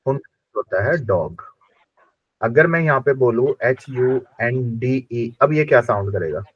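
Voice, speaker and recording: A man gives a classroom lesson, drilling sounds slowly and saying each word again and again. His voice is dry and close, and the recording is dull and lo-fi. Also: mid-range voice, animated, breathy edge, no echo. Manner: slow repetitive drilling of pronunciation. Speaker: German language teacher.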